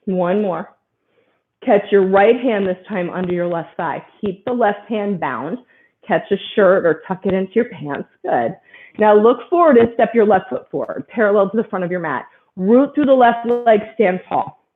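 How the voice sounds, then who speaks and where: Over a thin, tinny line that sounds like a phone call, a woman yoga instructor leads a class through poses. Her medium-pitched voice delivers a steady stream of short, brisk, encouraging cues about alignment and breathing.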